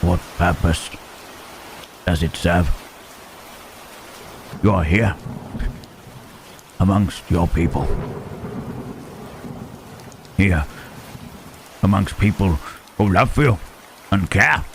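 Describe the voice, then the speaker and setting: A man voicing Frankenstein's monster as a lonely, gentle creature who stammers and speaks formally in an ASMR roleplay. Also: low-pitched, takes it slowly, vocal fry, pauses often, slight background noise, full character voice. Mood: tender, shy. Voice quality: hesitant, stammering, formal speech. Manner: soft questioning tags, huh, eh, hmm. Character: lonely, gentle male monster, shy and halting. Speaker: voice actor.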